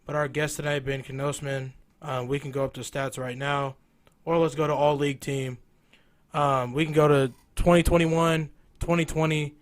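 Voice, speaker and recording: A man's voice: a little high, flat delivery, normal speed, dry recording. A man hosting a local sports talk show in a casual, conversational style. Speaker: host of a local high school sports show.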